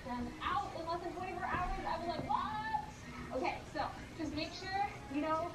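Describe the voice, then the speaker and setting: A woman's voice: extremely high pitch, moderate pace, very noisy. A woman instructing a workout, upbeat and coaching, heard from a video. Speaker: fitness instructor. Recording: roomy video audio from a distance.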